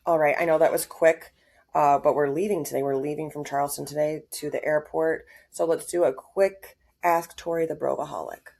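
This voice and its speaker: A woman's voice: deep voice, steady tone, moderate pace, gravelly, a little mellow. A young woman hosting a podcast, chatting casually and opinionated, with lots of "like". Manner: chatty, opinionated, heavy use of "like". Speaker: podcast host. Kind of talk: casual gossip chat.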